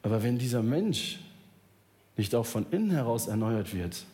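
A male pastor preaching a sermon, telling a story with animated delivery and acting out the people in it. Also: medium pitch, normal speed.

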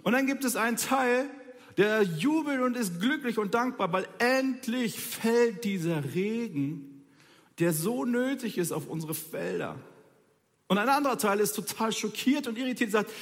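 High-voiced casual preacher in a reverberant room. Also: male voice, animated, a little slow. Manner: colloquial and ironic, speaks straight to listeners. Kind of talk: informal sermon.

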